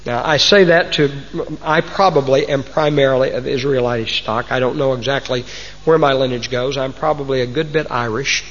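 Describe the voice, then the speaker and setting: A man preaches to his congregation with a Texan accent, keeping a steady tone at normal speed in a medium-pitched, slightly bright voice. His style is homespun and folksy, peppered with old sayings. The muffled recording carries the echo of a large hall.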